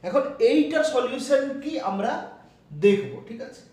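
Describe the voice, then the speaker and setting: A man's voice: very high-pitched, a little slow, darkish tone. A man giving a physics lecture, explaining step by step with many fillers and checks for understanding. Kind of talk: classroom lecture. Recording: echoey room, voice from a distance.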